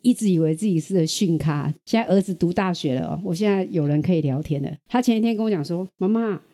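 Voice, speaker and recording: Podcast host, woman, middle-aged, Taiwanese Mandarin accent; mellow, dry close recording, animated storyteller. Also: on the low side, quick pace, no room sound. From Kaohsiung, Taiwan. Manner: animated storyteller who acts out quoted voices. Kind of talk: casual chat.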